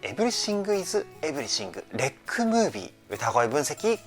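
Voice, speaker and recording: A man's voice: mid-range voice, big pitch swings, normal speed, faint music behind. A man working as a vocal trainer, giving enthusiastic, polite commentary that analyzes a song's singing and explains vocal terms.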